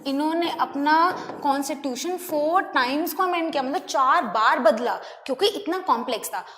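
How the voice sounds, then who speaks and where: A woman teacher with an Indian accent giving an online class lecture. She mixes Hindi and English, checks in often with her students, and slows down to dictate key terms. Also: high voice, fairly bright tone. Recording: roomy echo with long reverb.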